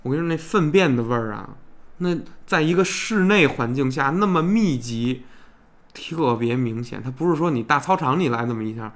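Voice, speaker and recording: A man with a Beijing accent telling stories in casual chat, colloquial, earthy and animated, like a talk show host. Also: mid-range voice, normal speed. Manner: colloquial, crude and animated storytelling with swearing. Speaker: podcast host.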